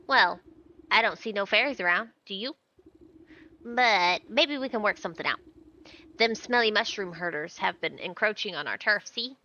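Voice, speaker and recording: Storybook creature, female performer: cackling, crackly, cheeky haggler, folksy speech, bright and forceful. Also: mid-range voice, expressive, moderate pace, highs cut off. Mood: wheedling, scheming. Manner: folksy ungrammatical wheedling. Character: cackling, haggling shiny-hoarding tree creature, rustic and cheeky.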